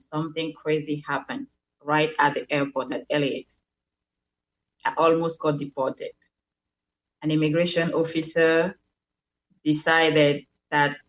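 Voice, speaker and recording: A young Cameroonian woman, a native French speaker with a Cameroonian French accent, earnestly shares a personal story as a guest on a radio show. Her voice is low-pitched, the audio is poor, and she repeats words while searching for them.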